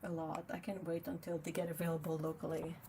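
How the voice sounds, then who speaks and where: Her voice is low-pitched, level, fast and creaky, and the recording is very noisy. The young woman, a native French speaker with a French Canadian accent, paints during a livestream, talking casually with viewers, reading the chat out loud and laughing a lot.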